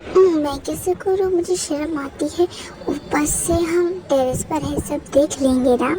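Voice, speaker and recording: A woman voicing a shy, playful young man in love in a fan dub, soft and teasing in tone. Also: high-pitched, measured pace. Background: background music.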